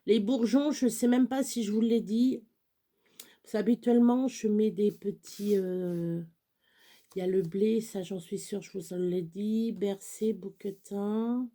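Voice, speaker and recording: A woman's voice: medium pitch, fairly even intonation, a little slow, mellow. A woman, reading picture-dictionary entries to children, spelling words letter by letter between chatty asides. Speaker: children's storyteller.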